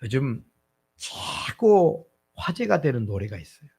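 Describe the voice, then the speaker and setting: A middle-aged man preaching, his gravelly voice rising and falling with lively swings of pitch. His tone is slightly husky. He talks to the congregation conversationally and keeps asking rhetorical questions. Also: slow. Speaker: pastor. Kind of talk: sermon.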